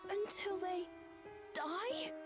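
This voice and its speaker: A woman's voice: very high-pitched, lively intonation, extremely slow, loud music behind the voice, heavily acted. An actress voicing a timid, curious young girl witch who stammers hesitantly. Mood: nervous.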